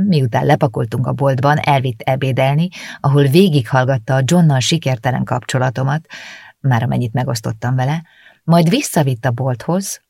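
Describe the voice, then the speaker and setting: A woman reading a novel aloud in the first person, with reflective, steady storytelling into a close studio mic. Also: extremely low pitch, gravelly, no room sound. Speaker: audiobook narrator.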